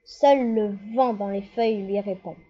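Gentle woman narrating a children's story. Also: medium pitch, a little slow. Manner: gentle, expressive reading. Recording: slightly dull lo-fi.

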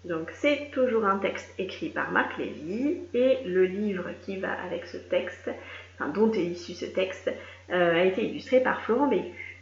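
A woman reading a children's story aloud in a lively, animated way, doing voices for the characters. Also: on the low side, unhurried, gravelly. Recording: echoey room, dull lo-fi sound.

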